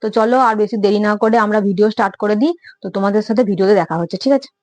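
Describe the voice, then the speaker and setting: A young woman prank vlogger talking casually and rapidly to her viewers from home. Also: medium pitch, a little mellow, dry recording. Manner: chatty, rapid, addresses viewers directly. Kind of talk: casual vlog talk to viewers.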